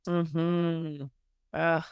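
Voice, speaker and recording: Upbeat smooth-voiced woman podcast host. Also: sits low, level tone, very slow, no room sound, muffled recording. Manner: upbeat, affirming, laughs often. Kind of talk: podcast interview.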